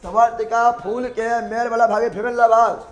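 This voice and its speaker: Guy teaching a class, high voice, keeps asking "what is it?" and repeating terms. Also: fairly even intonation, moderate pace. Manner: drills the class with call-and-response questions, repeating each term. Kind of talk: classroom biology lesson. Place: classroom with students.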